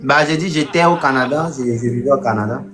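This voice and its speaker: A man as a guest on a casual live chat, talking loudly and insistently. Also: medium pitch, fast talker, over music. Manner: loud, insistent.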